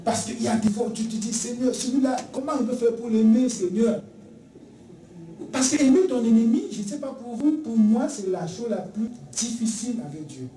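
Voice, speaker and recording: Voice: mid-range voice, moderate pace, warm tone, recorded from a distance, soft background music. A preacher delivering a sermon emphatically, repeating key phrases and acting out little dialogues. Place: church sanctuary. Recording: echoey church recorded from afar.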